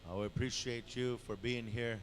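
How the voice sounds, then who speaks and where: A man working as a powwow emcee, announcing live in an informal, halting way and drawing out the names he calls. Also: mid-range voice, fairly even intonation. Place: powwow dance arena. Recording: noisy live event PA announcement. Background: clear event noise and ambience.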